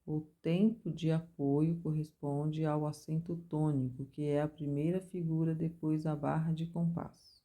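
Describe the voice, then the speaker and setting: A woman with a low, mellow voice teaches a music theory class. She explains each point step by step and chants rhythm syllables to mark the strong beats. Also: little pitch movement, measured pace, hardly any pauses. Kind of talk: recorded music theory lesson.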